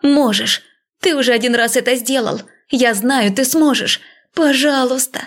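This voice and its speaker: A desperate young queen pleads urgently, her voice lifted higher than the narration, as the woman reading puts her on. A slight gravelly texture stays under her determined, insistent lines. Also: measured pace. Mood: pleading.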